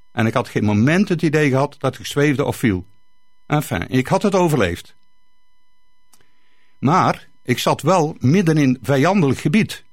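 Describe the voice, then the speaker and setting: A man narrating a first-person story with lively, vivid delivery. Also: fairly high pitch, no echo, studio quality.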